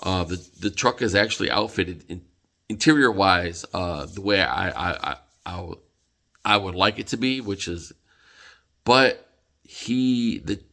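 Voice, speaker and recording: Tired, low-voiced man rambling about trucks. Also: expressive, a little slow, creaky, pushed and bright. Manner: rambling, many fillers and restarts. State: tired, yawning. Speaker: trucker vlogger. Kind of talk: casual vlog talk.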